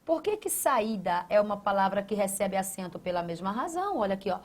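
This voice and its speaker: A woman's voice: mid-range voice, very animated, fairly quick. A woman teaching a grammar lesson, emphatic, asking questions and answering them herself, repeating key phrases. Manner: emphatic, asks and answers her own questions; addresses a student by name, repeats key phrases.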